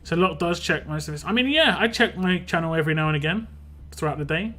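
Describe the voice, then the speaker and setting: Streaming a game, this young West London man talks fast and casually, restarting often and dropping in fillers as he rambles. His pitch is on the high side, with lively intonation and a sharp tone, and soft music sits behind him.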